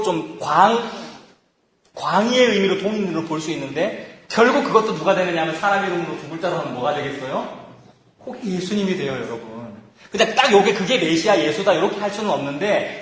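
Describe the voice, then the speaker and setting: A male pastor preaching a sermon at a church youth retreat, lively, with many rhetorical questions and acted-out quotes. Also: sits high, a little hiss or hum. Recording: echoey hall.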